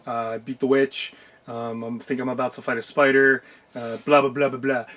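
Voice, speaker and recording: A man co-hosting a casual podcast chat, talking in a rambling, animated way with lots of fillers and restarts. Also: medium pitch, normal speed. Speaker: podcast co-host.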